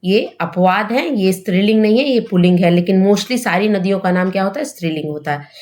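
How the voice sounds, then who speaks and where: A woman teaching a grammar lesson for exam preparation. She asks questions and answers them herself, often tags on a checking question, and slows down to spell out example words. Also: mid-range voice, darkish tone.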